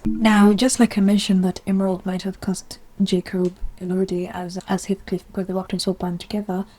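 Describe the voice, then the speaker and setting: A woman's voice: on the low side, dark tone. A woman giving chatty, opinionated commentary in a casual vlog, rambling with asides. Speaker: video essayist.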